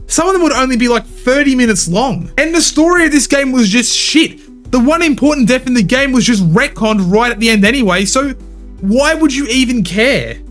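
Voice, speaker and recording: A man with a high voice hosts scripted commentary for a gaming channel. He gives his opinions bluntly and swears casually. Soft music plays quietly under his voice. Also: lively intonation, normal speed.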